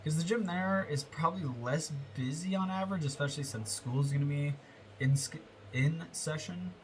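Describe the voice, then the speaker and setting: A man's voice: on the high side, moderate pace. Young man, American accent, stuffy nose, casual rambling voiceover, faint hiss. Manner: rambling, with self-corrections and filler words. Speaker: fitness vlogger. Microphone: close voiceover mic.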